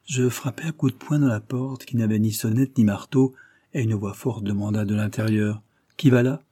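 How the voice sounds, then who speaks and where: A man reading a classic story aloud in measured, expressive narration. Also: fairly low pitch, breathy edge. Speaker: audiobook reader. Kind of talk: scripted narration of a classic tale.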